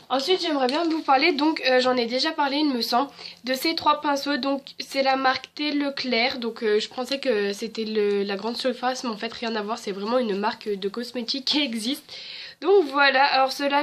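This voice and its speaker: A woman's voice: high-pitched, a bit bright, slight background noise. A young woman chatting casually as a beauty vlogger, with many fillers and restarts. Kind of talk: casual haul and swatch video.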